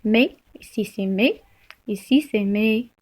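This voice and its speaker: A woman teacher, explaining spelling slowly, with frequent fillers and self-corrections. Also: mid-range voice. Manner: slow, halting, many fillers and self-corrections. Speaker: French teacher. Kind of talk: spelling lesson.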